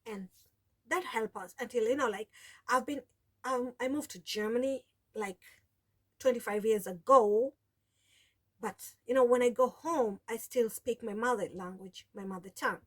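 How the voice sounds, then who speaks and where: A bit bright and on the high side, this woman's voice moves at normal speed. In her forties and Kenyan-accented, a coastal Taita whose first language is Taita, she tells her story to camera in a rambling, casual vlog full of restarts and "you know".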